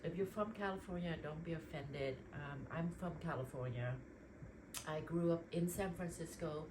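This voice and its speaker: A woman's voice: low-pitched, normal speed. A woman in her forties from Vietnam, chatting casually and rambling with lots of ums and likes while sorting her closet at home. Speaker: lifestyle vlogger. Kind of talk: casual chit-chat while decluttering. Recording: noisy home recording.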